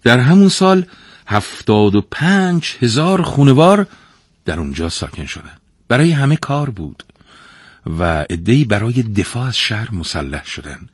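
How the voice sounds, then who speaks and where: A man narrating a folktale in an expressive, dramatic storytelling manner. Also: medium pitch, husky, no echo, studio quality.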